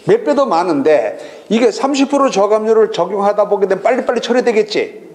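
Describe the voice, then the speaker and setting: A middle-aged man giving a recorded lecture on real estate auctions, lively and full of rhetorical questions. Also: high voice, brisk. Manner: lively, rhetorical questions, acts out regional voices.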